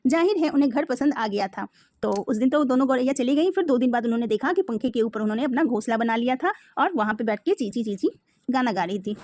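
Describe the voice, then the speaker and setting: A woman's voice: high voice, a little mellow, dry recording. A woman teacher reads a story aloud and retells each part in simpler words, with English words mixed in. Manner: mixes English words into the explanation. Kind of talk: reading a story aloud and explaining it.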